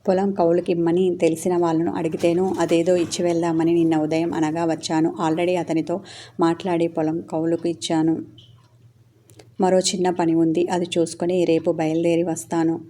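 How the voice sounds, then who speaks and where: A woman's voice: on the low side, flat delivery, moderate pace, dark tone, natural voice. A woman voicing a worried, grieving older aunt who talks anxiously and blames herself. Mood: chatty. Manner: anxious and self-blaming.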